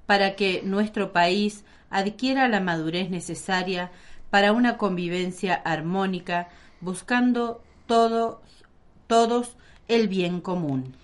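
A woman's voice: mid-range voice, slow. A woman reading prayer intentions and responses as a lay reader at Mass.

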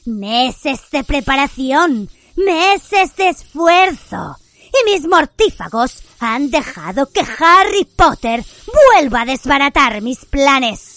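A menacing dark wizard man voiced by a woman, speaking in a cold, high, quiet voice. He is measured and slow, deliberate in a dry, close storybook reading. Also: very animated, no room sound, full character voice. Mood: icy.

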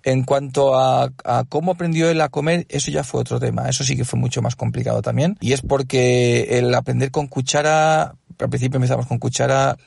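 Man, parent testimonial, patient explaining, raspy, dry close sound. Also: mid-range voice, steady tone, fairly quick, hardly any pauses, darkish tone, dry recording. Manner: explains patiently with many fillers and asides. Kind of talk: casual testimonial.

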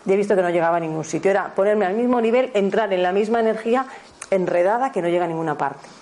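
A woman's voice: medium pitch, a little mellow. A woman in her fifties with a Spanish accent from Spain, a teacher giving a spiritual talk on parenting, who often corrects herself and checks in with her listeners. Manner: fast, self-correcting, checks in with the audience.

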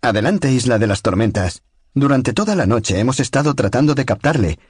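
A man's voice: medium pitch, animated, fairly quick, husky, no room sound, studio quality, pitched above the performer's own voice. A man voicing a young, strong radio operator who sounds capable and reassuring.

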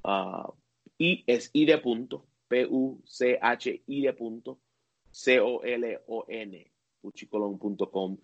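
Worship leader guy chatting in an interview, lots of ums and restarts, dull lo-fi audio. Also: mid-range voice. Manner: halting, many fillers and restarts. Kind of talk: casual interview talk.

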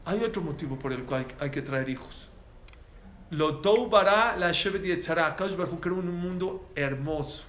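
A man with a Mexican accent giving a religious talk to an audience, telling stories in an animated way and acting out the dialogue. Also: a little high, normal speed, slight background noise. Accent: Mexican Spanish. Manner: animated storyteller who acts out dialogue. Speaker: religious lecturer. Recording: echoey room with faint ambience.

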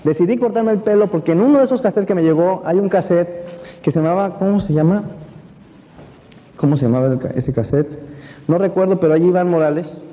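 A man with a Mexican accent giving an animated personal testimony to a seminar audience, often checking that they follow him. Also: high voice, fairly quick. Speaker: motivational speaker at a network marketing event. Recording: dull echoey hall recording with faint hiss.

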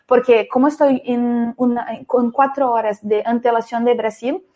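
A woman with a fairly high voice chats as an interview guest. She has a Brazilian accent from her native Portuguese, and she rephrases as she looks for words in her second language. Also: steady tone, moderate pace, dark tone. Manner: non-native Spanish with searching rephrasing. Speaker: podcast guest, entrepreneur. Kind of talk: conversational interview.

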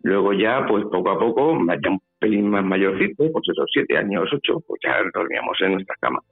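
Brisk and animated, a lowish-voiced man with vocal fry and a breathy edge tells a personal story as a guest on a phone interview. He's from Spain, has a Spanish accent, and hesitates and repeats himself; the line is tinny with faint music.

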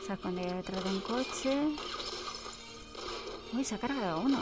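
Brief: woman doing casual, exclamatory commentary over a film, with the soundtrack music clear behind her. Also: mid-range voice, moderate pace. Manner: chatty, exclaiming, playful asides.

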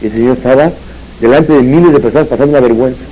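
A man delivers a rabbi's Torah lesson full of anecdotes. His voice is warm and dark, and it rises and gets louder when he drives a point home. A faint hiss sits under the recording. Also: mid-range voice, racing, low-quality recording. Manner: storytelling, rising and louder on emphatic points. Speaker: rabbi giving a Torah talk. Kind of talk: religious lecture with anecdotes.

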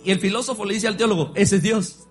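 A man's voice: high-pitched, fairly even intonation, fast, soft background music. A man preaching a sermon in church, leading the congregation in call-and-response. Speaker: pastor.

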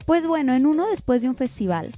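A woman's voice: high-pitched, sing-song, a little fast, warm tone, soft background music. A woman with a Mexican accent telling a funny story on a radio show, acting out her mother's voice. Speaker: radio host.

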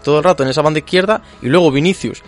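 Quick guy going on about football tactics, music faint underneath. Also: on the high side. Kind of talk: casual football chat.

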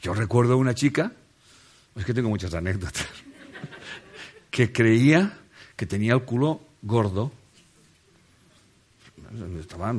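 A man's voice: on the low side, a little mellow, breathy edge. A man giving a humorous motivational talk on a stage, joking with the audience, questioning them directly and laughing often. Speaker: motivational speaker. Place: stage under a spotlight before a seated audience.

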